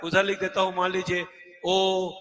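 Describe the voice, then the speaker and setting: A man's voice: sits high, completely flat delivery, moderate pace, fairly bright tone, long reverb tail. A man teaching an exam-prep lesson at a board, asking questions and answering them himself and repeating key words. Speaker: Hindi teacher.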